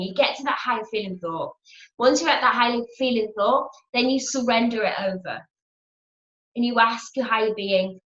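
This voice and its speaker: A woman's voice: medium pitch, fairly bright tone. A woman giving a chatty motivational teaching talk as a spiritual teacher, repeating her phrases and acting out inner voices. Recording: roomy, dull lo-fi home video.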